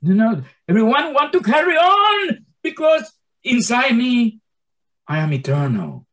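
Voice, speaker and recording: A man in his sixties gives an informal Bible teaching to a small group in English, his second language, making grammar slips and stammering through frequent restarts. His voice is extremely high with huge pitch swings, a bit bright and unhurried, and he speaks with passion.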